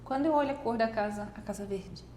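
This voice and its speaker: A woman telling a personal faith story in casual conversation, animated and often acting out what others said. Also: on the high side, fast. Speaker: guest. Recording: faint background noise.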